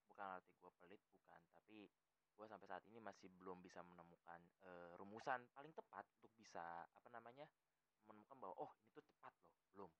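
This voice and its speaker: Hosting a podcast, this young Jakarta man speaks fast in a low-pitched, fairly bright voice with a Betawi accent. His talk is casual and meandering, full of fillers and frequent self-corrections.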